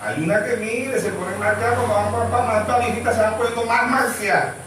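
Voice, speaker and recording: A man's voice: high-pitched, fast, background noise. A man with a Venezuelan accent preaching a sermon as pastor, throwing rhetorical questions at the congregation. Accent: Venezuelan Spanish. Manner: rhetorical questions, asking "¿sí o no?" for replies. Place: church hall. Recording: very echoey hall, voice far from mic.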